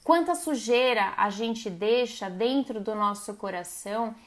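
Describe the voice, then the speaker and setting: Woman, somewhat high voice, live stream host, casual motivational talk, speaks directly to viewers. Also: a little slow. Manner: conversational, addresses viewers directly and acts out quoted voices.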